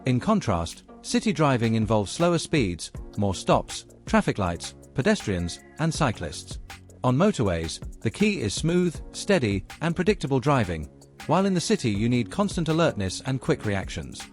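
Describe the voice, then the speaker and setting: A man presenting a driving lesson in a scripted, instructional narration, explaining each point in a measured way and addressing learners directly. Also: medium pitch, sing-song, soft background music.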